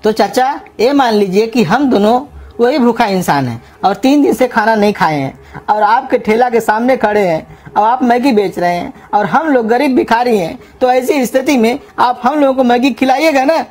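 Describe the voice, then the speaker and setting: A woman voicing a scheming young man who coaxes and flatters to get free food in a comedy cartoon. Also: fairly high pitch, normal speed, lightly acted. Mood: persuasive. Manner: coaxing, flattering, persuasive. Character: scheming young man, sweet-talking and crafty. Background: music.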